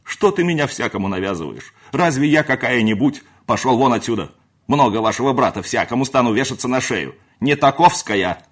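A man voicing a sharp-tongued housemaid who scolds and shouts with scorn, in an audiobook reading. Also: lowish voice, fairly quick, few pauses, lightly acted. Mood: scolding. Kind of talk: audiobook character voice.

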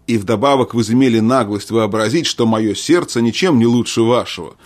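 A furious proud king shouting down his lords, as a man reads him in an audiobook. his voice sits mid-range and rings with scorn. he blusters rather than reasons. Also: mid-range voice, fairly quick, lightly acted. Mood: angry. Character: angry proud middle-aged usurper king.

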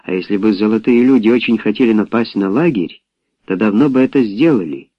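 A man reading a novel aloud in a low voice. The sound is close and dry. The recording is dull and lo-fi. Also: expressive, brisk, dry recording. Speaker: audiobook narrator. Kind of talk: scripted narration.

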